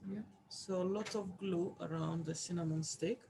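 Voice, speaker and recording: A Romanian art class instructor guides viewers through a craft project, chatting casually and hesitantly with lots of fillers and asides to the audience. Her voice has medium pitch, a steady tone, normal speed, and vocal fry, over a noisy background.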